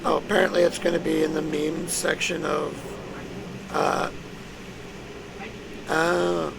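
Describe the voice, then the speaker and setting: A man's voice: on the high side, flat delivery, slow pace, gravelly. A man in his late thirties joking and swearing in casual voice chat during a game. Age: 30s. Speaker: game player. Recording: noisy voice-chat audio.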